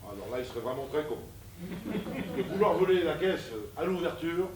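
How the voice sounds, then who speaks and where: An actor playing a skeptical middle-aged father who makes dry, deadpan remarks. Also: a little high, normal speed, crowd noise, natural voice. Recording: roomy bar, distant mic, faint noise.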